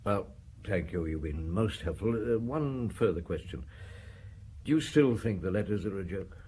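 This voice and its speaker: An actor playing a shrewd middle-aged police chief inspector in an audio drama, questioning in a measured way with thoughtful hums. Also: male voice, low voice, expressive, warm tone. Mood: calm, probing.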